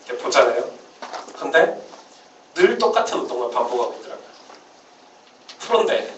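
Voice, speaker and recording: A man preaches at a Friday church service in an easy, conversational way, filling pauses with "uh" and restarting sentences. He sounds set back from the microphone in an echoey sanctuary. The phone recording is dull and muffled, with faint room noise behind him. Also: medium pitch, a bit bright, far from the mic. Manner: conversational, frequent "uh" fillers and restarts. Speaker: pastor. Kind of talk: casual sermon at a Friday service.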